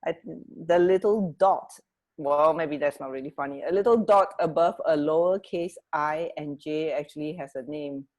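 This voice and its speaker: This Singaporean woman co-hosts a radio show, trading trivia in chatty, hesitant banter full of giggles. Her voice is low and a little mellow, moving at a moderate pace.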